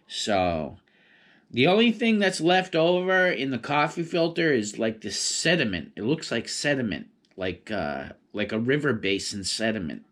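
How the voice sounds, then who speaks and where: A man's voice: mid-range voice, big pitch swings, a little slow, a bit bright. Laid-back rambling stoner guy. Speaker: vlogger. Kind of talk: casual solo rambling chat.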